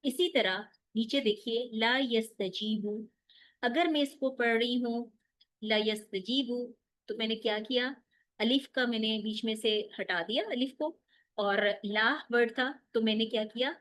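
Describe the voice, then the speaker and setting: A woman gives a lesson on reciting scripture, her voice sitting a little high. She explains each mistake in turn, asks rhetorical questions and answers them herself, in a calm teaching tone. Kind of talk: online tajweed lesson.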